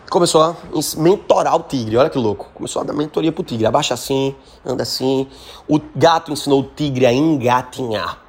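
A man with a Brazilian Portuguese accent giving a casual lesson on storytelling. He talks in an animated, slangy way and keeps checking in with short tag questions. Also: medium pitch, breathy edge. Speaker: speaking trainer.

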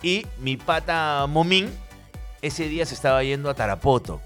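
A man with a Peruvian accent telling a comic story, animated and slangy, on a comedy podcast. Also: fairly high pitch, normal speed, faint music behind. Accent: Peruvian Spanish. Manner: animated, slangy, acts out voices.

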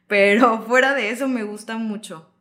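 Young yucatecan woman chatting, lively, laughs a lot, soft yucatán accent, acts out what people told her. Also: fairly high pitch, moderate pace. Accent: Yucatán Spanish, softened. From Yucatán, Mexico. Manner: lively, laughs often, acts out quoted dialogue. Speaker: content creator, guest. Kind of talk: casual interview chat.

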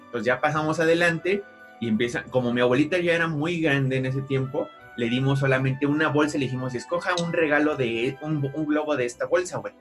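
Young Mexican man, lively storyteller, faint music under the voice. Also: a little fast. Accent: Mexican Spanish. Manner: animated, jumps high when quoting relatives. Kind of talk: casual storytelling chat.

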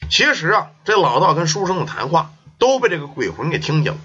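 Man telling a ghost story, lively pitch, bright voice, husky tone, dull lo-fi sound. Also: fairly quick. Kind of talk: folk ghost story narration. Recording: dull lo-fi recording.

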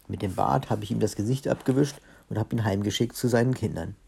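A big, clumsy robber from a children's storybook grumbles gruffly, his soft heart showing through. A man reads him with a low, gravelly voice. The tone is dark and husky. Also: fast, heavily acted. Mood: grumbling.

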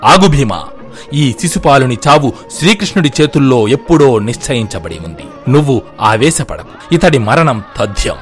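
A man voicing a venerable old grandsire who speaks with grave, measured calm. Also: medium pitch, faint music behind, close to an everyday voice.

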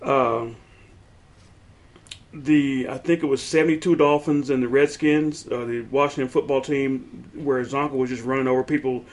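A man's voice: mid-range voice, steady tone, moderate pace. A man co-hosting a casual sports podcast, joking and laughing often, rambling as he recalls old games. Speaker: podcast co-host.

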